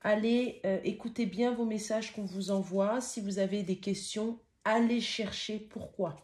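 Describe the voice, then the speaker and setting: A middle-aged woman giving a spiritual tarot reading at home, chatty and exclamatory, dotting her speech with "hein", sometimes rushing and stammering, with a sniffly nose. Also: mid-range voice, steady tone, darkish tone. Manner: chatty, interjecting with frequent "hein", exclaiming over the cards; speaks fast and stammers at times while channeling. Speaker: tarot card reader. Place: home with dogs nearby.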